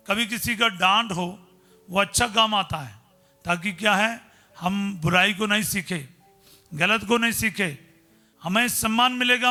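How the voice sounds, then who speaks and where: Middle-aged priest preaching in hindi, high piercing voice, soft music behind. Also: male voice. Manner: storytelling preacher, simple conversational Hindi, exclaims hallelujah. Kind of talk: sermon with personal stories.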